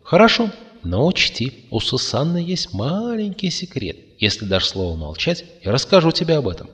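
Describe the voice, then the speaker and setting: A man's voice: mid-range voice, sing-song, normal speed, fairly bright tone, pitched above the performer's own voice. A man voicing a pushy, boastful, whimsical young woman, speaking in a raised, insistent tone. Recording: long reverb.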